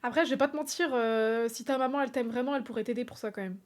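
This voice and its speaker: Young woman on stream, high voice, super animated, keeps laughing while she talks to chat. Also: very fast. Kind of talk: casual live-stream chat with viewers.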